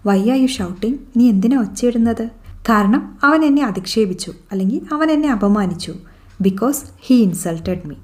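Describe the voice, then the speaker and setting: Slow, mellow-voiced woman teaching English phrases. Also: on the high side. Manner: slow, deliberate, repeats each English sentence twice. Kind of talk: bilingual phrase drill lesson.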